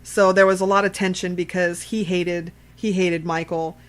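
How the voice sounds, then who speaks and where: A woman co-hosts a podcast, casually discussing films in a blunt, salty-tongued way. Her voice is on the low side, delivered flatly at normal speed, and she retells things with animation and repeated phrases.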